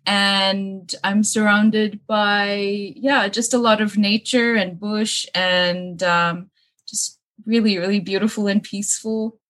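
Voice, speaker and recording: The speaker is a young woman from Kuwait with a mixed, hard-to-place accent and a medium-pitched, steady, slightly bright voice that moves slowly. Appearing as a relaxed interview guest in a bungalow room with books at her parents' home, she laughs a lot and leans on fillers.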